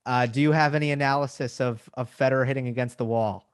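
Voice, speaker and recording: A man hosting a casual tennis podcast, relaxed and joking, with lots of ums and uhs. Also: mid-range voice, fast, smooth, no echo, clean studio sound. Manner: relaxed, filler-heavy, joking. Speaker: podcast host.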